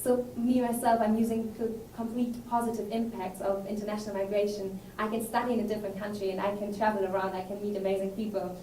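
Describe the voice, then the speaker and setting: A woman's voice: medium pitch, flat delivery, quick pace, few pauses, dark tone. A young woman from Germany giving an earnest, emphatic student presentation at a conference. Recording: roomy hall, distant mic, faint noise.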